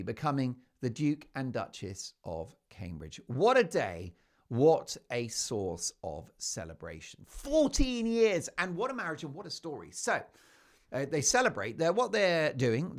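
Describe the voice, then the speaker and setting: Animated male talk show host. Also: mid-range voice. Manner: emphatic, animated, keeps asking "right?"; playful, mocking asides. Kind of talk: opinionated news commentary monologue.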